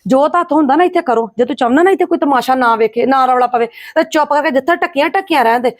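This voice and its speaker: A woman acting an angry mother in a scripted family drama, scolding with a sharp tongue. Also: high voice, racing, dry recording, clean studio sound. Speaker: lead actress, angry mother.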